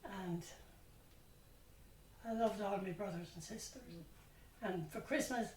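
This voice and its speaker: A woman's voice: mid-range voice, slow, darkish tone. A woman, fondly recalling her childhood in simple words. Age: 70s. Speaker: interviewee. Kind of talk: casual reminiscing. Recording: distant echoey room, faint noise.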